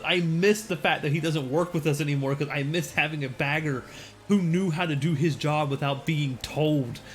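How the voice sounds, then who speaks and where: A man's voice: on the high side, fairly bright tone. A man streaming a game and chatting casually, rambling with frequent restarts. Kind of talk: casual chat while gaming.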